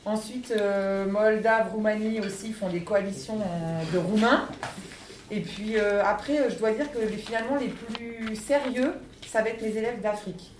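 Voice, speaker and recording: A woman's voice: medium pitch, moderate pace, darkish tone. A chatty woman teacher answers questions with a teasing edge. Her voice sits in the middle of the range and comes from some distance in an echoey room. A faint hiss runs under it. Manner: chatty, laughs often, teasing. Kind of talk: casual interview answers.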